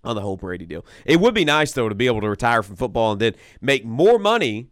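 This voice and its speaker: A man's voice: mid-range voice, big pitch swings, fast talker, fairly bright tone, no room sound, studio quality. An American man hosting a sports radio show, talking casually and emphatically, repeating points for stress. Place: radio studio.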